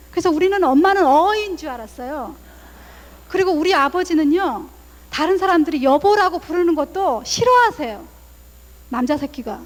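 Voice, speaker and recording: Animated woman lecturing in a reverberant church hall. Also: very high-pitched. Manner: animated, acts out parents' lines in quoted voices. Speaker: guest lecturer, family counselor. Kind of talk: lively seminar lecture to a church audience.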